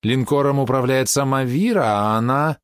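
A man's voice: mid-range voice, moderate pace, clear, resonant tone, no echo, studio quality, voice pushed up, close to an everyday voice. A man voicing a sardonic, laid-back young woman engineer who drawls snarky replies.

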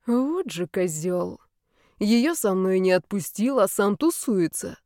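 A woman's voice: mid-range voice, big pitch swings, slow pace, darkish tone, no echo, clean studio sound. A woman reading the part of an arrogant, teasing young male student in an audiobook. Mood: sulky. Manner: haughty, teasing.

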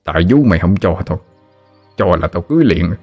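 A gruff old country father in his late fifties with a Southern Vietnamese accent, deep-voiced and forever scolding and teasing his son, as a male storyteller puts him on. Faint music plays behind. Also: expressive, a little fast, a little mellow, exaggerated voice.

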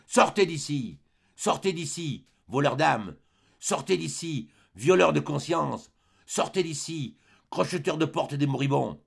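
A male audiobook reader voicing a furious, breathless old marquis who shouts at intruders. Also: on the high side, animated, a little slow, vocal fry, husky, heavily acted. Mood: exasperated. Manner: roaring, breathless outbursts.

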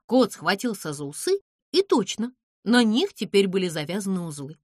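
Expressive woman reading a children's story. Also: mid-range voice, moderate pace, no room sound, studio quality. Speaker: narrator. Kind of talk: audiobook narration for children.

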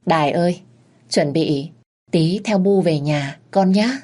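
A woman's voice: fairly low pitch, normal speed, a little mellow, lightly acted. A woman voicing a rich, two-faced mother-in-law who speaks in a sugary, ingratiating way. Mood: falsely sweet.

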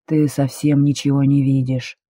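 A man's voice: medium pitch, level tone, normal speed, mellow, no room sound, studio quality, pitched below the performer's own voice, natural voice. A woman reading an audiobook, voicing a tense, commanding man who is the heroine's beloved, speaking curtly. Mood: calm. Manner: curt, commanding.

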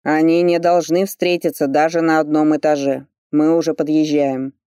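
A man's voice: fairly high pitch, level tone, mellow, clear, resonant tone, no echo, clean studio sound, close to an everyday voice. A reader doing a stern commanding nobleman. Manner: curt, authoritative, slow deliberate orders. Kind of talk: audiobook character voice.

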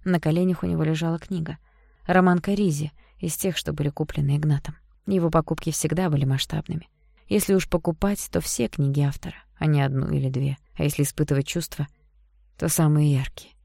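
Low, gravelly woman narrating a novel. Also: fairly even intonation, brisk, warm tone, dry recording, clean studio sound. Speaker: audiobook narrator. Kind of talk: scripted narration.

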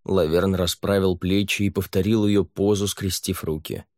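Мужчина читает аудиокнигу размеренно и ровно. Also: male voice, low voice, level tone, moderate pace, darkish tone, dry recording, studio quality. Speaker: narrator. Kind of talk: audiobook narration.

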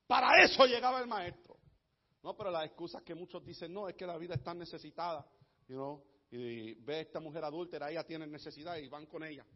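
A man preaching a sermon in a church, moving from quiet storytelling to impassioned shouting. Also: a little fast. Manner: builds from low murmur to impassioned shouting. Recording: dull lo-fi church livestream audio.

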